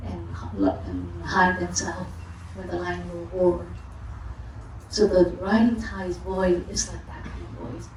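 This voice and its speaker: A woman monastic teacher gives a dharma talk at a retreat, her voice at a middling pitch. She speaks haltingly, often pausing on fillers and restarting her sentences. The recording is very echoey, picked up from a distant mic with faint background noise. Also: dark tone. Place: monastery hall during a retreat.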